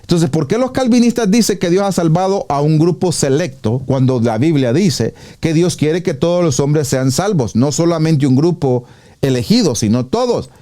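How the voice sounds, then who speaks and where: A man's voice: a little high, expressive, moderate pace, dark tone. A male pastor giving a teaching sermon, reading verses aloud one after another and answering them with rhetorical questions.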